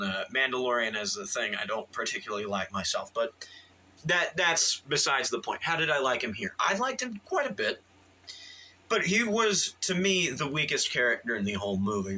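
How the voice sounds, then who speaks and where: A man's voice: lowish voice, sharp tone, a little hiss or hum, poor audio. A man giving a casual, rambling movie review, full of fillers and restarts and eager in tone.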